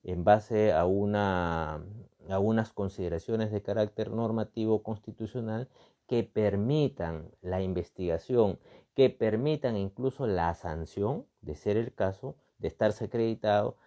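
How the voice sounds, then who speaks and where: A Peruvian political and constitutional commentator speaks a little slowly in a lowish, mellow voice with a Peruvian accent, on a muffled recording. His off-the-cuff analysis relies on emphatic repetition and rhetorical questions dotted with tag words.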